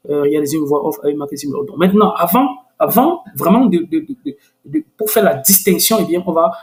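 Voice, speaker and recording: A man hosting a screen-recorded software tutorial, hesitant and full of restarts, growing enthusiastic. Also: a little high. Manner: hesitant, many restarts and fillers.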